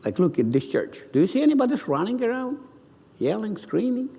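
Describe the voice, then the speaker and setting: A man delivers a slow sermon in a fairly high voice, his pitch swinging widely as he acts out the scene he describes. The recording carries a long, ringing church reverb. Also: gravelly, breathy edge. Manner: animated, acting out the scene. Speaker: bishop preaching.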